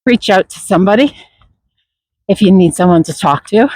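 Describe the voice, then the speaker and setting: A runner talking while out running, reflecting in a motivational vlog in short, broken, unscripted phrases with pauses. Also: medium pitch, expressive, darkish tone, no room sound. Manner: reflective, halting, unscripted delivery. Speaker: runner vlogging.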